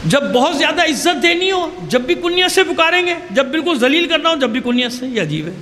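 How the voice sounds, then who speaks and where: A preacher with a very high voice tells a story from history with fervour and keeps turning to his listeners with rhetorical questions. His voice carries a long hall reverb, and a faint ambience lies underneath. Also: pushed and bright, a little hiss or hum. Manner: impassioned, asks the audience rhetorical questions. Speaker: religious preacher. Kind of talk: religious sermon, historical storytelling.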